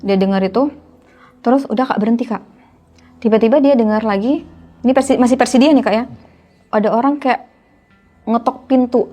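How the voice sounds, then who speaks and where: A woman's voice: fairly high pitch, fairly quick, pauses often, warm tone, highs cut off, faint music behind. A young woman, telling a horror story casually to a host, often addressing the host as "Kak". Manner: chatty, keeps addressing the listener as "Kak". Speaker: guest storyteller.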